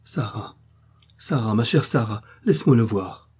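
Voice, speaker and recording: A man's voice: on the low side, expressive, a little slow, darkish tone, breathy edge, heavily acted. A man voicing a passionate young woman who begs and implores in a storybook reading. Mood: pleading. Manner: imploring, pleading.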